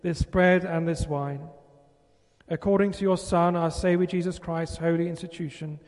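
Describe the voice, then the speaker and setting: A man leading a Eucharistic prayer as priest, reciting in a measured, formal way, his voice ringing with a long cathedral-like reverb. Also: fairly high pitch, steady tone, darkish tone. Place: large church. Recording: long reverb in a large church.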